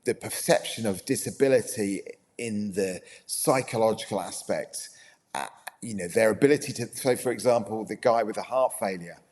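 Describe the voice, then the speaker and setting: A man talks as a guest on a casual podcast, earnest and animated, and often restarts his sentences mid-thought. His voice sits on the low side. A long reverb trails his words, as if he were in a hall. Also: moderate pace, a little hiss or hum. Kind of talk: casual conversation.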